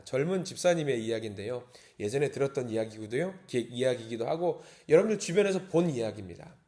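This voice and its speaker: A male pastor giving an early-morning sermon, reading scripture slowly and acting out indignant prayers in a raised voice. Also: medium pitch, darkish tone. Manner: reads scripture slowly and deliberately.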